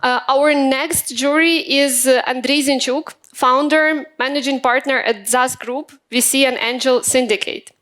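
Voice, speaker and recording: A woman's voice: sits high, fairly even intonation, a little slow, hardly any pauses, a bit bright. Chatty woman hosting a startup event. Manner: chatty, hesitant, many fillers. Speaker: event host. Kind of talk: moderating a startup demo day. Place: event stage in Kyiv.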